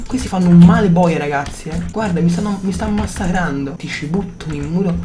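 Male gamer commentating his own play, jumpy and loud at surprises, casual swearing, faint music underneath. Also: a little high. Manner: excitable, reactive, swears casually, talks to viewers. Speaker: gaming YouTuber. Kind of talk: gameplay commentary.

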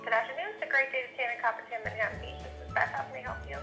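A woman's voice: fairly high pitch, fairly even intonation, very fast, pushed and bright, roomy sound, faint music behind. A woman working as a shop receptionist, talking casually to a customer over a speakerphone call. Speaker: shop receptionist answering the phone. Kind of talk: casual customer-service phone talk. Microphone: telephone call played on speakerphone.

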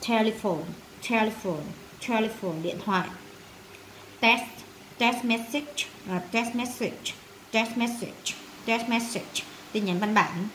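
A woman's voice: on the high side, takes it slowly, a bit bright, slight background noise, rough recording. A woman teaching a vocabulary lesson to students, repeating each word and translating it with many filler sounds. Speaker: English teacher.

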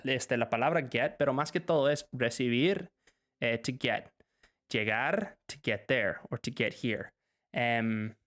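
A man's voice: mid-range voice, a bit bright. Bilingual male teacher, faint music. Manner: switches between Spanish and English, reads questions aloud. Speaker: language teacher answering live chat questions. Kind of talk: live stream lesson.

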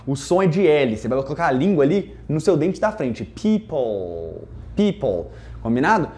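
A man's voice: a little high, expressive, fast talker, darkish tone. A young man from Brazil teaching English in a casual online lesson, jokey and playful, with lots of asides.

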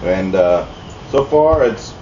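A man reviewing a cigar in an unhurried, halting way with many fillers, talking with a cigar in his mouth. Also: deep voice, animated, mellow. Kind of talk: casual review, talking to camera. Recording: distant mic, roomy echo, dull sound, clear background noise.

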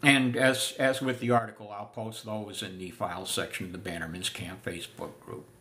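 An older man giving a casual spoken history lesson, unhurried with many filler pauses, seated in a room full of antiques. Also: lowish voice, level tone, sharp tone. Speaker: living history presenter.

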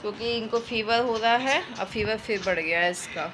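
Filming herself on a phone at arm's length, a woman in her thirties runs a casual home vlog, talking through her day and her chores in a homely, chatty way. She's a family vlogger with a fairly high voice and a moderate pace, and the clip shifts between small rooms at home and the street outside, with noise in the background.

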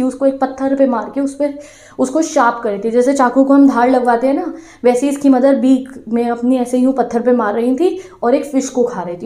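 A woman teacher retelling a story to her students in a lively way, asking them questions as she goes. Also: fairly high pitch, reverberant. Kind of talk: storytelling lesson explanation.

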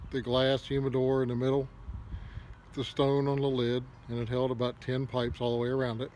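Middle-aged man, mouth around a pipe, easygoing rambling vlog chatter, mid pitch, faint hiss behind. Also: normal speed. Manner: relaxed, rambling, folksy. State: talking with a pipe in his mouth. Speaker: pipe smoking vlogger. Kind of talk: casual vlog talk to camera.

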